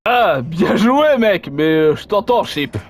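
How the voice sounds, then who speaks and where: A man's voice: high voice, very animated, takes it slowly. A man playing through a horror game, reading its dialogue aloud and chatting casually with hesitant, filler-heavy asides. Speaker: let's play gamer.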